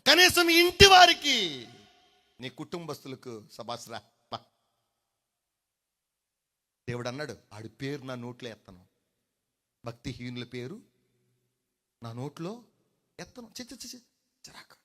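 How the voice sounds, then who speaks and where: A man preaching a sermon to a congregation, swinging between hushed and loud delivery, drawing out key words and slipping in English phrases. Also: medium pitch, lively intonation, a little slow, long pauses. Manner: mixes in English phrases, addresses the congregation directly.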